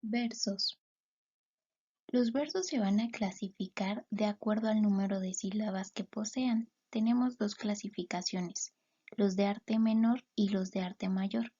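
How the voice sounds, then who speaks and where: A woman teaching a lesson, explaining step by step and sounding out words slowly, syllable by syllable. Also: mid-range voice, dark tone, highs cut off. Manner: slow, clear syllable-by-syllable explanations.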